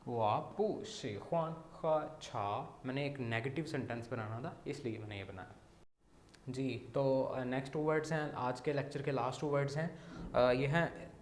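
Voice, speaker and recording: A man's voice: medium pitch, steady tone, slight background noise. Pakistani man teaching Mandarin in an echoey room. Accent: Pakistani Urdu. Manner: repeats sounds slowly, many "theek hai" checks. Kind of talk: language lesson explaining words.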